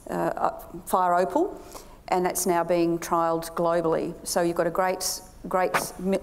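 A woman's voice: on the low side, gravelly, darkish tone. A middle-aged woman speaking matter-of-factly on a conference panel. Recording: hall reverb.

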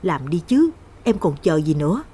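Young guy in love with a ghost, a woman reads him, firm and defiant, breathy. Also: low-pitched, big pitch swings, moderate pace, mellow, full character voice. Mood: resolute. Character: young man torn between love and fear.

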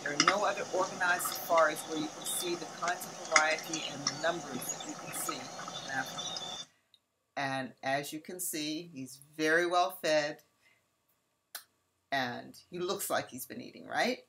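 A woman from California narrates a safari slideshow, chatting with her audience and addressing them directly. Her voice is low, with background noise behind it.

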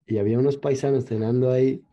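A man's voice: mid-range voice, fairly even intonation, quick pace. A young Spanish man with a Spain Spanish accent, co-hosting a podcast and telling stories in an easygoing casual chat. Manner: storytelling, easygoing. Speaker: podcast co-host. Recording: dull lo-fi recording.

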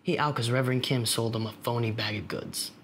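A man's voice: medium pitch, slight background noise, close to an everyday voice. A young actor playing a grieving, streetwise young man in a dramatic monologue, talking in profane street slang. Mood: scornful. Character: young street-smart man, grieving lost friend, bitter.

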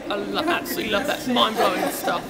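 A young man from England gushes about the concert, talking with enthusiasm. His voice is high and gravelly. A noisy crowd chatters all around him. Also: lively intonation, fast. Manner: enthusiastic, laughing. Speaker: concert fan. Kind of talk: casual chat. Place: large busy concert venue foyer. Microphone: handheld camera close up. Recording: loud crowd chatter behind.

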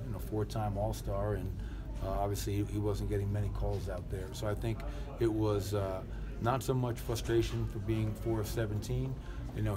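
A middle-aged man talks as a head coach at a postgame press conference. His voice sits fairly low and barely rises or falls, with many "uh" pauses and repeated words. Handheld microphones are held close, and a steady noise runs underneath. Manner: measured, flat delivery with frequent "uh" fillers and repeated words. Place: indoor arena press area in front of a sponsor backdrop. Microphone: several handheld reporter microphones held close.

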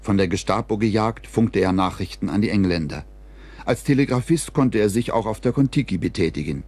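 A man reading scripted documentary narration in a measured, even storytelling delivery. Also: on the low side, husky.

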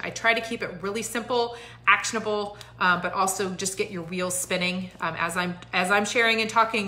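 Woman in her thirties, bright voice, encouraging chatty host, phone at arm's length, roomy echo. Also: mid-range voice. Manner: encouraging, chatty, many fillers. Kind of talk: casual live-stream talk. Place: home living room, indoors.

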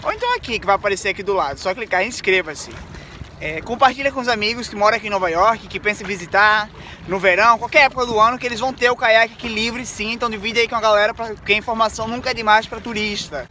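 A young Brazilian-born man talks straight to his viewers in a bright, high voice, chatty and excitable. He holds his phone at arm's length on a city pier outdoors. Clear wind and water noise fill the background of the recording. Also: very fast. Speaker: vlogger. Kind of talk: casual travel vlog. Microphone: phone held at arm's length.

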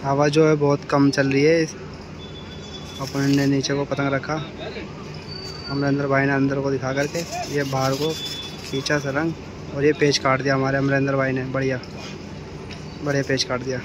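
The speaker is a young man on a city rooftop, filming a kite fight on his phone while commenting live in a flat, steady way. He has a mid-range voice at normal speed with long pauses, recorded outdoors amid street noise.

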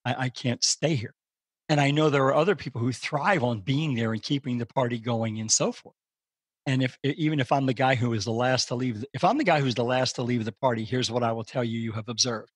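An older man, a podcast guest, talking through ideas in a relaxed, reflective way. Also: brisk, slightly rough, no echo. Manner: reflective, thinks aloud, animated rises in pitch. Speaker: podcast guest, strategic advisor. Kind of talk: casual conversation.

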